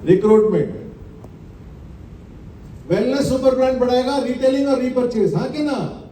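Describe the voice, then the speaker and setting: A man giving a motivational business presentation, quizzing his audience with rhetorical questions and repeating slogans slowly for effect. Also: extremely high pitch, dark tone, a little hiss or hum. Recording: echoey hall, mic at a distance.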